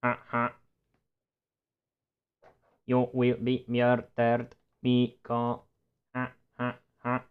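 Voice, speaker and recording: A man's voice: mid-range voice, monotone, very slow, pauses often, smooth, phone-quality sound. A man streaming a game puts on a metallic, robotic villain voice with clipped, staccato mock-sinister laughs. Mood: menacing. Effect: put-on metallic robotic voice.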